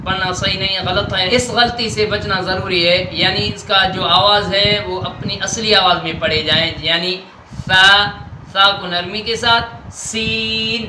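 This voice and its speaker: A man with a Pakistani Urdu accent teaching Quran letter pronunciation, drilling letters slowly and deliberately. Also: high-pitched, steady tone. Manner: slow, deliberate letter drills with stretched sounds. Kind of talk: Noorani Qaida pronunciation lesson. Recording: echoey room with faint noise.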